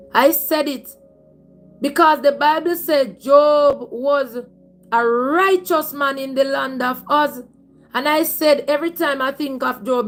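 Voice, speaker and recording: High-pitched Jamaican woman preaching over music. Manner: emphatic, repeats phrases, slips into Patois. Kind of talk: livestream sermon, conversational storytelling.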